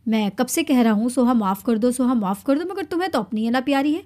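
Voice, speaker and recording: Woman doing a brooding possessive young husband, teasing then pleading, audiobook drama, higher-pitched. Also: animated, mellow, close to an everyday voice. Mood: furious.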